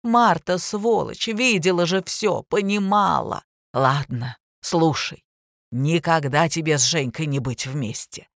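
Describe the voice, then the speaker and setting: A woman reader voicing a drunk, hysterical middle-aged woman who shouts and mocks in a slow, drawn-out way. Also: deep voice, no room sound, clean studio sound. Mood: scornful.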